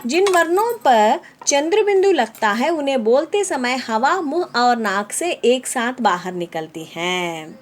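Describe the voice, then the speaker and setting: Slow, lively woman teaching children. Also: high-pitched. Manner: slow, repeating words and explaining them in English; asks children whether they understood. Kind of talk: classroom lesson for children.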